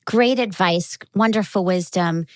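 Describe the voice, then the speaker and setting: A woman's voice: fairly low pitch, measured pace, dry recording. A woman hosting a podcast interview, encouraging and affirming her guest. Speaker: podcast host.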